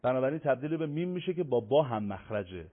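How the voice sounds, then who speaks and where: A man teaching Quran recitation rules on a broadcast, drawing out example words in slow sung demonstrations. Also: medium pitch, sing-song. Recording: narrow phone-like broadcast audio.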